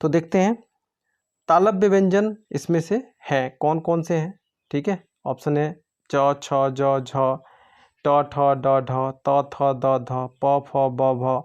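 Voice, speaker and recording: A male tutor works through test questions at a steady, patient pace, often stopping to check that the listener is following. He poses his own questions and then answers them. The recording is dull and lo-fi, with a middle-pitched voice. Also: takes it slowly, clear, resonant tone. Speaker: exam-prep tutor. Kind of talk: explaining quiz answers step by step.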